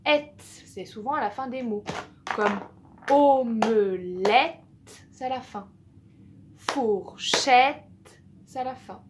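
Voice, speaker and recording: A woman's voice: on the high side, moderate pace, noisy background. A woman teaching young children a phonics lesson, spelling out letters and repeating sounds patiently. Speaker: primary school teacher.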